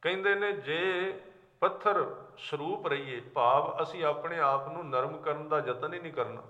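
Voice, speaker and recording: A man's voice: a little high, unhurried, sharp tone. A man giving a sermon who explains scripture verses line by line with everyday examples. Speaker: Sikh preacher. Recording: echoey hall, dull lo-fi sound.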